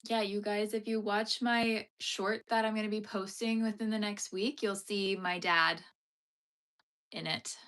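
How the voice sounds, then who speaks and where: Crocheting on a vertically shot phone live stream, a young woman chats casually and reads her chat aloud. Her mid-range voice is a bit bright, with fairly even intonation and a measured pace, and she laughs often and uses lots of fillers.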